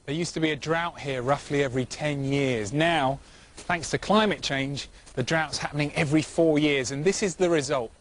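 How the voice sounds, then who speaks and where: A male documentary presenter speaks on location, explaining and asking questions. His pitch is a bit high for a man, with faint ambient noise around him. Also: normal speed. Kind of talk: on-location piece to camera and interview. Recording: faint outdoor background noise.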